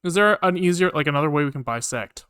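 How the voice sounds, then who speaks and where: A man live codes on stream with keyboard typing and clicking in the background, thinking aloud casually while muttering to himself, repeating phrases and occasionally swearing. His fairly high voice is expressive, quick, a bit bright and clean-toned, in clean studio sound with no room sound.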